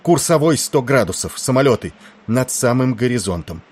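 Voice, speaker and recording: A man reading the part of an excited young signalman shouting sighting reports. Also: lowish voice, measured pace, slightly rough, voice pushed up. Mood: alarmed.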